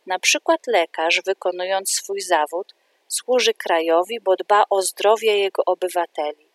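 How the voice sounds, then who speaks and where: Gentle, kindly preschool teacher from a storybook, as a woman reads her. She explains in a soft, patient voice close to the reader's own. The recording is dry and close. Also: medium pitch, measured pace, dry recording, lightly acted.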